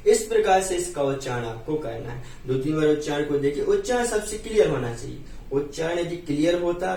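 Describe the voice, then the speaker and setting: A man with a Hindi accent teaches a Jain hymn line by line, slowly chanting verses and explaining each word. His voice sits somewhat high and comes from a distance in a roomy, echoing space. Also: a little mellow. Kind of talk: teaching Sanskrit hymn recitation and meaning. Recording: roomy echo, distant from mic.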